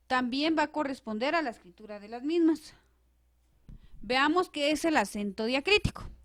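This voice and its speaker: A woman teaching a recorded grammar lesson, explaining clearly and stressing syllables hard when she gives examples. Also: a little high, no room sound, clean studio sound.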